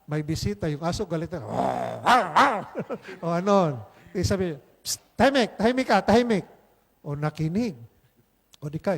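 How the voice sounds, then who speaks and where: A male priest with a voice that sits high delivers a conversational homily at Mass, blending English phrases into Filipino. He keeps checking in with "di ba?" and "okay?" and drops in playful asides, all echoing with long hall reverb.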